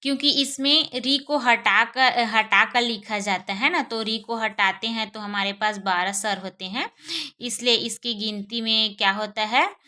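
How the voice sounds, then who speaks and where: A woman's voice: fairly high pitch, steady tone, a little slow, pushed and bright. A woman teaching a grammar lesson, asking the class questions and then answering them herself, often adding little checks for understanding and saying vowel sounds aloud as examples.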